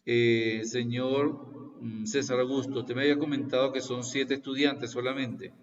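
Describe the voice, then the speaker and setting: A man in his sixties lectures students on a video call, explaining things slowly and repeating points, often pausing to check they follow. His voice comes from a distance in a roomy space. The call audio sounds dull. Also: mid-range voice, fairly even intonation. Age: 60s. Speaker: university lecturer. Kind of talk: online class introduction.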